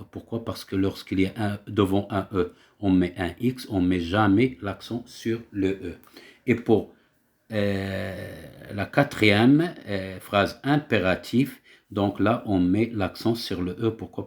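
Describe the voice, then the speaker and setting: A man's voice: on the low side, a little mellow. A male teacher giving a grammar lesson, explaining step by step and asking himself rhetorical questions.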